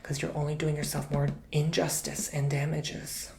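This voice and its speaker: A man giving an intimate, chatty ASMR tarot reading, drifting between soft speech and whispers and calling the listener honey. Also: a little high, completely flat delivery, normal speed, creaky, slight background noise. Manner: repeats words for emphasis. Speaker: tarot reader.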